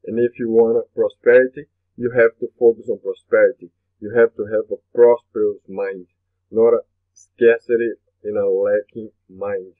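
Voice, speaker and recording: This webinar host is a native Portuguese speaker from Brazil whose accent marks him as Brazilian. His voice sits on the low side, with a flat delivery and moderate pace, as he earnestly leads a motivational session, frequently repeating himself over thin, phone-quality sound.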